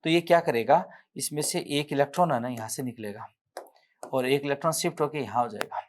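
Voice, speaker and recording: A man's voice: mid-range voice, brisk. A man with a Rajasthani accent teaching an exam-prep chemistry lecture, explaining step by step, counting aloud and correcting himself as he writes on the board.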